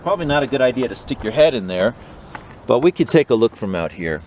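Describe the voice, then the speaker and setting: Male park ranger, gentle storyteller, mid-range voice, recorded outside. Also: mid-range voice, very animated, fast talker, a little hiss or hum. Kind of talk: guided nature hike talk. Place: outdoors in the woods.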